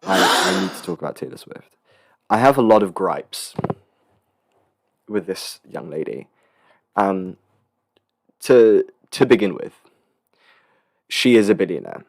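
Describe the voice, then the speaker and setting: Guy rambling on his podcast, lowish voice, jokey and all over the place. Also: creaky. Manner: rambling, full of fillers and restarts, jokey asides. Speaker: podcast host. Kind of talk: casual solo podcast monologue.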